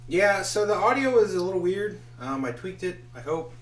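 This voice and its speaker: A woman co-hosting a live stream in casual, rambling chat, her voice booming with a big room echo. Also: animated, moderate pace. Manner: laid-back, rambling, trailing off. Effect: booming roomy echo, as in a big hall. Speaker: stream co-host. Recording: echoey boomy room, distant mic, loud music.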